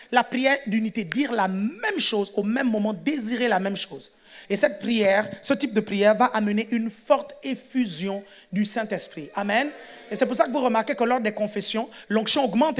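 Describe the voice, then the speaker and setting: A man preaching a sermon in a church, shouting and animated, calling for responses from the congregation. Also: very high-pitched.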